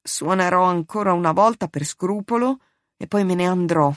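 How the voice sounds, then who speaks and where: A woman's voice: fairly low pitch, normal speed, no room sound, studio quality, natural voice. A woman reading the part of a tense, troubled young man in a strained, nervous voice. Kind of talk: audiobook reading.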